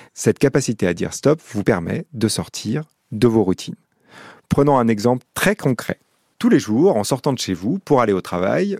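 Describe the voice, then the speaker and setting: A man, a psychology professor, giving a calm, measured scripted educational narration. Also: mid-range voice, vocal fry, husky, no echo, clean studio sound.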